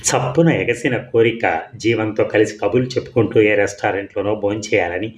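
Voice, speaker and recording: A man with a low voice reads a first-person audio story. His telling is calm and measured, keeping a steady storytelling flow.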